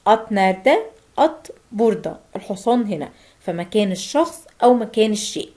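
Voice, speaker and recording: Egyptian-accented woman teacher giving a lesson, steady explanations with slowed examples. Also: mid-range voice. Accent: Egyptian Arabic. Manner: slow, drawn-out Turkish example phrases between Arabic explanations. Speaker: Turkish language teacher. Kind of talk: language lesson.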